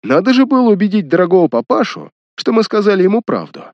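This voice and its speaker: A man's voice: high-pitched, very animated, quick pace, a little mellow, no room sound, highs cut off, voice pushed up. A man voicing a cruel, mocking young man who threatens his sister. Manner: sneering, menacing.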